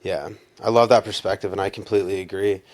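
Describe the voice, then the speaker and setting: A man with a fairly low voice co-hosts a casual podcast. He answers in an agreeable, measured way, picking up his partner's points and extending them. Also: fairly even intonation, a little mellow. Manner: agreeable, builds on the other speaker's points. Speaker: podcast co-host.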